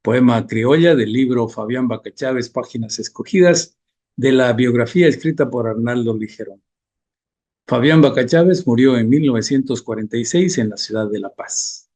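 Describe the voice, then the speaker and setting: A man with a husky, slightly breathy voice hosts a cultural radio segment. He speaks at a middle pitch and reads in a measured, reciting manner. The sound is that of a radio studio. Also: darkish tone. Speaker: radio program host.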